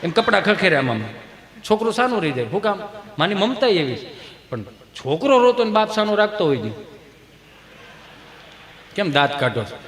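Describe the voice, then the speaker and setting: A man's voice: high voice, moderate pace, pauses often. A man telling folksy jokes on stage and voicing the characters in them. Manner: folksy, animated, voices the characters in his jokes. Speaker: stage comedian. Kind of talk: stage comedy storytelling. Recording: echoey hall with faint noise.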